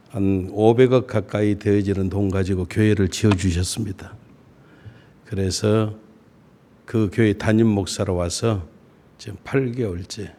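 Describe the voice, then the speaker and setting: A middle-aged man preaching a sermon as a pastor, folksy and self-deprecating, with slow deliberate phrasing that rises on key words. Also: lowish voice, dark tone. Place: church sanctuary.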